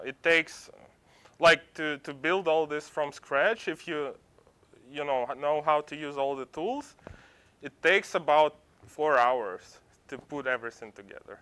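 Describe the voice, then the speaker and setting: A man running a live tech demo in front of a user group. He speaks slowly and haltingly, restarting his sentences. His voice is crisp and clear, with a bright, slightly high tone.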